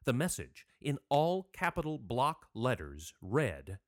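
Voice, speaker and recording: A man's voice: mid-range voice, very animated, takes it slowly, dry recording, clean studio sound. A man hosting a podcast, narrating history from a script in a dramatic, irreverent way. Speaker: podcast host. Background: music.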